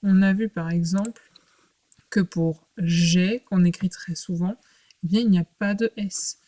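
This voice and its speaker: A woman teaching a recorded remote lesson to young children. She talks patiently and clearly in short phrases with pauses. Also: medium pitch, steady tone, warm tone. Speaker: primary school teacher.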